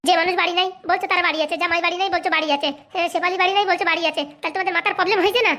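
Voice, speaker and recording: A woman voicing a sharp-tongued middle-aged housewife in a comedy cartoon, scolding with quick retorts. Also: extremely high pitch, steady tone. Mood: bickering.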